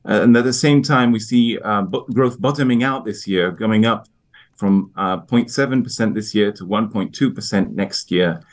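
Low-voiced man, halting interview answers. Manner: hesitant, halting delivery with repeated words. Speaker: economist guest, IMF research division head. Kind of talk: broadcast interview answers on economics.

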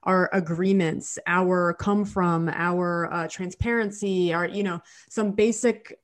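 A woman's voice: fairly low pitch, steady tone, takes it slowly. A woman hosting a casual podcast with a nasal, congested voice from a cold, repeating words as she goes. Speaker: podcast host.

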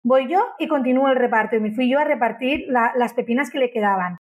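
A fast-talking business owner with a high voice shares her excitement about her company during an interview, repeating words as she goes.

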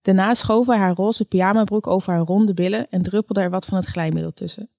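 Female audiobook narrator, calm and measured, mid-pitched, dry close recording. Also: vocal fry, dry recording. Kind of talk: scripted narration.

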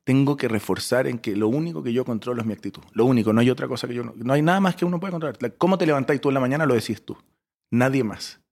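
Animated storytelling man from Chile. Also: mid-range voice, very fast, vocal fry. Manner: expressive, swings between loud bursts and soft asides, mixes in English phrases. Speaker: startup founder and CEO, guest.

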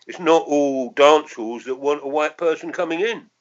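A man in his sixties with a London accent, from London, England, reminisces in an oral history interview. He is reflective and hesitant, often returning to qualify his remarks. His voice is a little high at normal speed, and the recording is muffled.

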